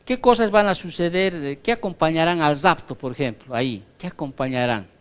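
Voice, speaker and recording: A man's voice: a little high, moderate pace, clear, resonant tone. A male pastor giving a Bible study sermon in a conversational teaching tone, explaining through comparisons and constantly checking that his listeners follow.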